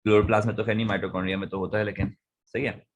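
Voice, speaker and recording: A man's voice: on the low side, little pitch movement, rapid-fire. A man teaching biology, patiently walking students through past-paper questions in mixed Hindi and English. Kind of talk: online past-paper lesson.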